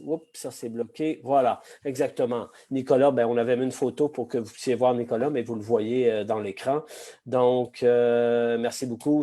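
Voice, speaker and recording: A mellow, mid-range male voice with a Québécois French accent, slightly hoarse as if he has a frog in his throat. He's a sake expert presenting an online masterclass, chatty and full of hesitations and asides, heard through a video call.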